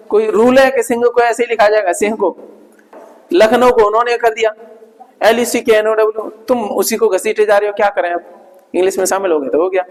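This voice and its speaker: In a revision lecture echoing with long hall reverb, a male coaching instructor speaks in an extremely high pitch. He quizzes his students only to supply the answers himself, drilling the main points repeatedly so they stick.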